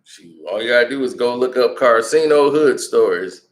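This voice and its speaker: A man vlogging, telling a casual, slangy anecdote in an animated way, in a roomy, echoey room. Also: mid-range voice, normal speed. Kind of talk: casual storytelling.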